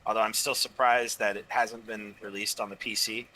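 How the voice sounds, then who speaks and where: A man's voice: on the low side, flat delivery, normal speed, pushed and bright, low-quality recording. A man co-hosting a podcast, chatting casually and agreeing eagerly. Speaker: podcast co-host. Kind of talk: casual chat.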